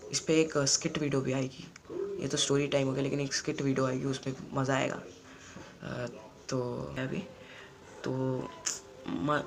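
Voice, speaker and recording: Teen boy vlogger, monotone rambling storyteller, chatter of a crowd behind. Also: mid-range voice, vocal fry. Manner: rambling, repeats himself, flat delivery. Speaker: YouTuber. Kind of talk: unscripted storytime vlog.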